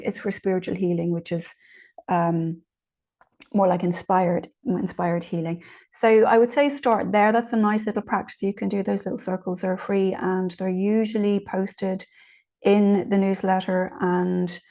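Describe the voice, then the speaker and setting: Mellow-voiced woman teaching informally. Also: medium pitch. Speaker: spiritual teacher answering participants' questions. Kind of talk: informal guided teaching on meditation.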